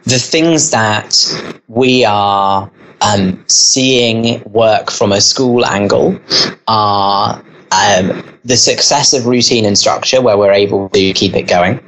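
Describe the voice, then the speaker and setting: A man's voice: fairly low pitch, slow, a bit bright, low-quality recording. A man who leads a school answers interview questions, talking earnestly and at length. He explains things in full, with the odd "um" and restart as he goes. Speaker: school leader.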